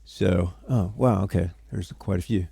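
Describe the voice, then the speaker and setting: A tired man gives a casual music theory lesson to livestream viewers. His voice is very low, dark and heavily gravelly, a little husky, and the sound is dry. He rambles and stops himself mid-sentence. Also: steady tone, a little slow, no room sound. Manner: rambling, self-interrupting, chatty with viewers.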